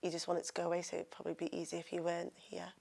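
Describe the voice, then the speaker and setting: Quiet, creaky-voiced hesitant woman. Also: fairly low pitch, monotone, rapid-fire. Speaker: interviewee. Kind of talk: documentary interview, personal account.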